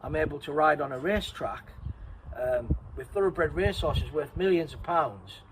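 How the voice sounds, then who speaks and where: A man's voice: a little high, animated, moderate pace, noisy background. Man telling a story. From Redcar, North East England. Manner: rambling, self-correcting, laughs at himself. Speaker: interviewee and co-host. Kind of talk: casual storytelling chat.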